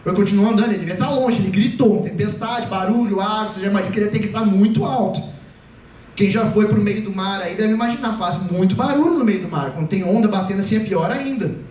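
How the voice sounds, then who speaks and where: Man, very high voice, comic youth preacher, roomy church hall, distant mic. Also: quick pace, dull audio. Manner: animated, joking, acts out voices. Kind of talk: lively comic youth sermon. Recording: echoey hall, voice from far off.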